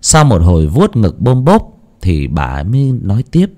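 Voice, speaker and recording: Deep, dark-voiced male storyteller. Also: unhurried. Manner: dramatic, expressive storytelling. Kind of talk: ghost story narration.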